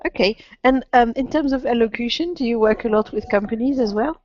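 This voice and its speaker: A woman's voice: a little high, fairly quick, a little mellow. A woman interviewing a business customer, asking brief, friendly questions. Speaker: interviewer from the booking company. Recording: dull lo-fi sound.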